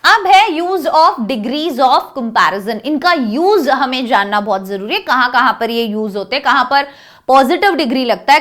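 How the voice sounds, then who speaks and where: A woman's voice: high-pitched, fairly bright tone. A young woman teacher with an Indian accent, teaching a grammar lesson in a mix of Hindi and English and often checking that the class understands. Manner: mixes Hindi and English, drawls example words slowly, then explains in quick bursts.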